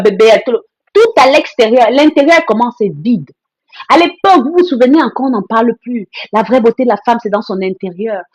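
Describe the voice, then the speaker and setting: Woman doing a live stream, kinda high voice, blunt and emphatic, keeps repeating stuff, says hi to commenters. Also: breathy edge. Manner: blunt, emphatic, repetitive phrasing; reads and greets viewer comments. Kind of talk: casual live-stream monologue.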